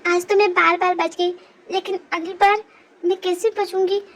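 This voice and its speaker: A woman's voice: extremely high pitch, little pitch movement, normal speed. A young woman performing every role in a Hindi fan-dub drama, talking in a chatty, pushy way.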